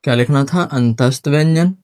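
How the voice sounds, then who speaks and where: A man's voice: fairly high pitch, moderate pace, darkish tone, clear, resonant tone. A man teaching a classroom lesson at a whiteboard, sounding out syllables one by one and quizzing his students.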